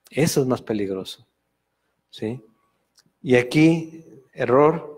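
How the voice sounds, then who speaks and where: A Mexican pastor leads a Sunday Bible study, speaking Spanish in a relaxed conversational way. He often pauses on fillers and corrects himself as he goes. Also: mid-range voice. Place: church meeting room.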